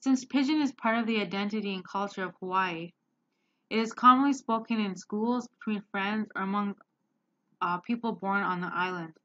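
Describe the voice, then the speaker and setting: A woman's voice: mid-range voice, moderate pace, a bit bright. A woman presenting slides for a class in a mid-range voice, stopping often on ums and restarting phrases. The sound is dull and slightly lo-fi. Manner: hesitant, many ums. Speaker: student presenter.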